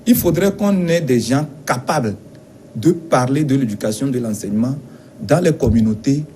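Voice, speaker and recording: Man from Togo, union representative, mellow voice, faint background hiss, measured. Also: mid-range voice, lively intonation. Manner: measured, insistent, with hesitations. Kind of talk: studio interview answers.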